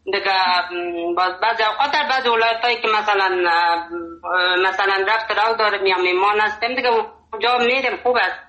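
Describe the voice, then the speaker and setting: Man, Kabuli Dari accent, call-in caller, bright voice, dull echoey phone line, effusive and hesitant. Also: sits high. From Afghanistan. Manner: effusive, courteous, hesitant with fillers. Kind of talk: radio call-in chat.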